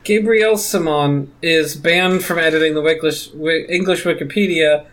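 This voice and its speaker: A podcast co-host riffing sardonically in animated comedic banter. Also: medium pitch, normal speed.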